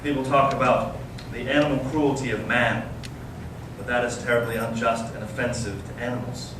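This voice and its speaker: In this readers theater drama, a man portrays a young Russian intellectual brother who is bitter, intense, searching and provocative. His natural, mid-range voice has a flat delivery, deliberate and earnest with dramatic pauses, and the mood is grave and indignant. It's a noisy amateur recording made from a distance in a very echoey room, with clear background noise.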